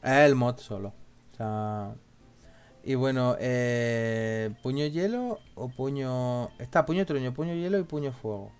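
A man's voice: mid-range voice, measured pace, darkish tone, smooth, soft background music. A man casually chatting during a video game session, laughing often and checking choices with his partner. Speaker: let's play co-host. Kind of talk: casual gaming chat.

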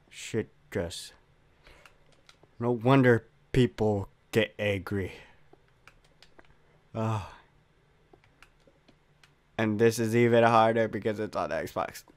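A young man narrating his own game attempts, swearing and yelping in frustration when he fails. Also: dry recording. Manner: raging, swearing, voice cracking high when failing. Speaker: gamer. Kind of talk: Minecraft parkour gameplay commentary.

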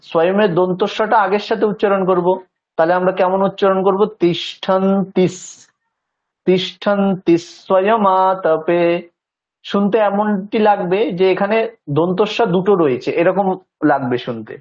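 A man teaching a language lesson, explaining pronunciation patiently and stretching out words syllable by syllable to demonstrate them. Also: high voice. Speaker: Sanskrit teacher. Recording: dull lo-fi recording.

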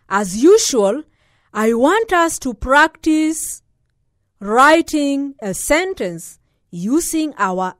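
A woman teacher leads young children through a spelling lesson, with a lively, bouncing voice pitched a little high. She talks very slowly and carefully, repeating every word and letter. The sound is dry and close. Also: dry recording. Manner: slow, deliberate, repeating each word and letter.

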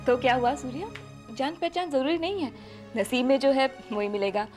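Gentle elder sister, high and soft, music under her. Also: lively intonation, moderate pace. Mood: wistful. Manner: gentle, wistful, then coaxing. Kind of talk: TV serial acting.

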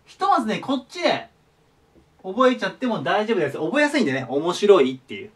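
A man giving a casual vocabulary lesson, friendly and polite, repeating each word slowly and clearly. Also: high-pitched, very animated. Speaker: English teacher. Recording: voice a bit far from the mic.

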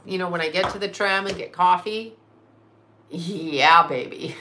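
A woman in her late fifties hosts a loose livestream chat, reading out and answering her viewers' comments as she goes. Her voice is bright and forward, set at an ordinary pitch for a woman, and her talk wanders freely from one thing to the next. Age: 50s. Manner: rambling, chatty, answers chat comments aloud. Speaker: livestream host. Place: in a car.

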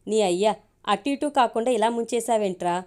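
An exasperated young man keeps questioning his friend in a storybook reading, voiced by a woman. The voice sits a little high and stays close to the reader's own. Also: moderate pace, mellow, natural voice.

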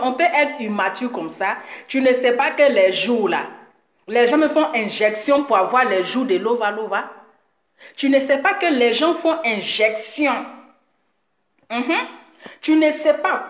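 A woman talking straight to her viewers in a boastful, mocking rant, teasing her critic with drawn-out words and frequent laughs. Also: on the high side. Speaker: video blogger addressing her audience. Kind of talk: boastful direct-to-camera rant. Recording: echoey room.

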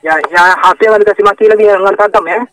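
Rapid-fire, insistent man over the phone. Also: sits high, fairly even intonation, fairly bright tone, recorded from a distance. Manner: insistent, repetitive, checking for understanding. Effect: heard over the phone. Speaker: phone scam caller. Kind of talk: fast, repetitive instructions over the phone. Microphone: phone call. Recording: phone call audio.

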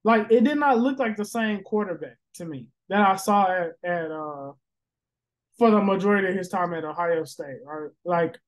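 A man with a fairly high voice talks football on a casual podcast. He rambles, circling back through fillers and restarts, and swears freely as he thinks out loud. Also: normal speed, low-quality recording. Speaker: podcast host. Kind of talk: casual sports podcast chat.

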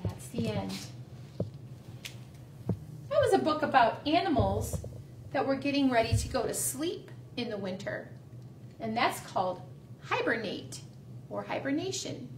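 Librarian for kids' storytime; expressive, high, lively, slow, roomy room with a distant mic. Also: female voice, a little hiss or hum. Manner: sing-song, gentle, expressive. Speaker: children's librarian. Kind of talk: storytime read-aloud.

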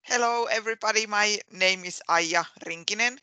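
A woman from Finland with a Finnish accent, an education specialist introducing herself on a video call with hesitant pauses and restarts. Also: medium pitch, sharp tone, smooth, no echo. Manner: hesitant, many fillers and restarts. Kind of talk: introducing herself in an online meeting.

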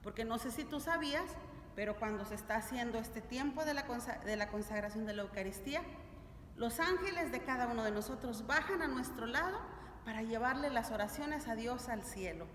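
Animated and a little fast, her fairly bright voice runs on the high side as the middle-aged woman teaches families a religious lesson. As a catechism teacher she's didactic and asks check-in questions; the church hall is stone-walled, echoey and noisy, with the camera a few steps back.

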